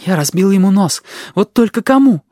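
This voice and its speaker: A frantic little boy from an audiobook, screaming in a piercing, very high voice as he thrashes through a fight. The voice stays shrill and loud, cutting through the dry, close reading. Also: slow pace, dry recording. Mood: shrieking. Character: frantic small boy in a brawl. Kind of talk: audiobook character voice.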